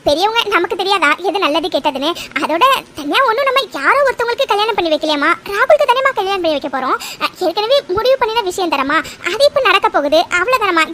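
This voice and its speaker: A woman voicing a brisk middle-aged mother in a cartoon drama, insistent and dismissive. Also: extremely high pitch, pushed and bright, slight background noise, exaggerated voice. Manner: insistent, talks over others. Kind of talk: dubbed cartoon family drama.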